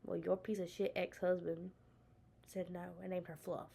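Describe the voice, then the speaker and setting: A woman's voice: fairly low pitch, little pitch movement, normal speed, vocal fry, warm tone, slightly rough. Southern lady cohost, foul-mouthed and teasing, just chatting loose. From South Carolina. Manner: brash, profane, teasing. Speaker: podcast co-host. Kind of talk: casual chat.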